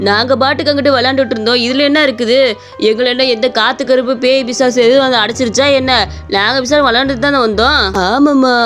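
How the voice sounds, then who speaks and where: A woman voicing a brash cartoon young man, argumentative and scheming. His voice sits high, quick to bicker. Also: natural voice. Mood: dismissive. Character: young village man, bold uncle, brash and plotting.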